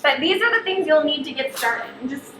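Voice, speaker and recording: An upbeat woman hosts a live cooking show in her kitchen, speaking straight to the audience at home. Her voice is high-pitched and brisk with lively intonation, and the room echoes with faint background noise.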